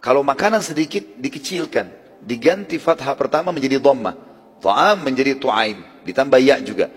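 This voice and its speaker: Quick chatty guy giving a religious talk, echoey hall, soft music. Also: medium pitch, lively intonation, husky. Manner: conversational, explains Arabic terms. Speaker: preacher. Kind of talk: storytelling religious lecture.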